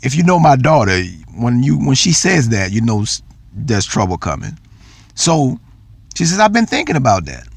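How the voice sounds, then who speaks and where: A man's voice: mid-range voice, sing-song, moderate pace, gravelly, husky, no room sound. A middle-aged man telling a personal story in an earnest talk, repeating phrases for emphasis. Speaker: speaker.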